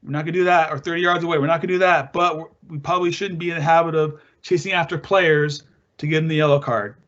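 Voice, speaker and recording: A man's voice: a little high, fairly even intonation, quick pace, fairly bright tone, highs cut off. A man teaching soccer referees as he narrates match clips, talking in a conversational way with rhetorical questions and frequent restarts. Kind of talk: narrated video presentation for referees.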